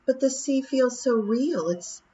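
A woman's voice: high voice, expressive, unhurried, dark tone, highs cut off, a little hiss or hum, voice pushed up. A woman voicing a determined, practical young girl who speaks earnestly.

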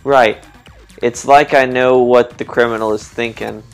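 A man voicing a secretive young country girl detective in his own plain voice, talking low and conspiratorially. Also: steady tone, measured pace, soft background music, lightly acted. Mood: hushed.

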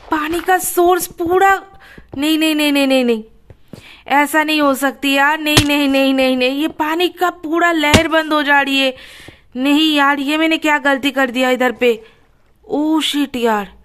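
A woman hosting her gaming channel, chatting casually and excitably as she plays and narrates. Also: high-pitched. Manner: chatty, excitable, swears when things go wrong. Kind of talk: casual gameplay commentary.

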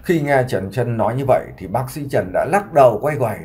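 A man's voice: medium pitch, animated, a little fast, darkish tone. A man telling a dramatic story with emotion and addressing his listeners directly.

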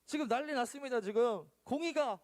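A man's voice: very high-pitched, fairly quick, pitched above the performer's own voice. A male pastor voicing an exasperated prophet who protests and pleads with God. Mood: protesting.

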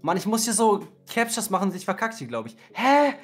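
Flustered, giggly young man with lively pitch. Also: a little fast, faint music behind. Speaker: gamer. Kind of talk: casual voice-chat banter.

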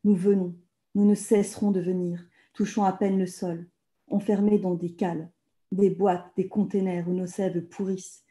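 A woman's voice: fairly low pitch, flat delivery, moderate pace, mellow. A woman in her thirties reading her own poetry aloud over a video call from home, with an intense, rhythmic, incantatory delivery. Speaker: author reading her work. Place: home room with bookshelves. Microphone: video call laptop mic.

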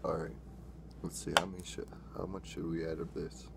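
A young man with a low, fairly quick voice and vocal fry taste-tests drinks on camera in a small, dim indoor room, and the audio is very noisy. He's a drink-mixing vlogger doing a casual taste-test vlog, rambling and correcting himself, getting excitable when he tastes.

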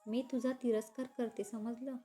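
A woman voicing a proud young woman in a read-aloud romance story, defiant and sharp-tongued. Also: a little high, little pitch movement, normal speed, soft background music, close to an everyday voice. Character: young woman, sulky, proud, angry at her ex.

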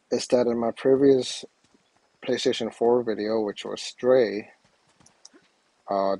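A man's voice: mid-range voice, mellow, no echo, rough recording. A man giving casual, rambling gameplay commentary with hesitant phrasing, recorded on wireless earbuds. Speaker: gaming video host.

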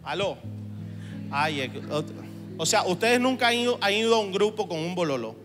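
A man pastor preaching to church leaders, joking at times and at times shouting exhortations. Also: sits high, lively intonation, normal speed. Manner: humorous, swings from chatty asides to shouted exhortation. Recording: long hall reverb, faint music.

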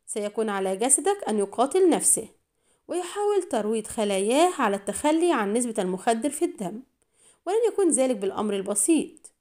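A woman's voice: on the high side, big pitch swings, fast. A woman reading the part of a hesitant, anxious male medical attaché in an audiobook. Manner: hesitant, hushed.

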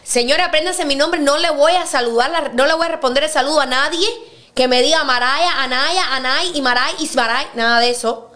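A woman host with a high, bright voice chats on her podcast. She talks bluntly and emphatically, and her speech comes in quick, insistent bursts. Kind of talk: casual podcast chat.

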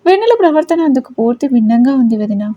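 A woman's voice: high voice, lively intonation, quick pace, dark tone, no echo, lo-fi sound. Woman voicing a worried, confiding mother. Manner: anxious, confiding. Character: worried caring middle-aged mother.

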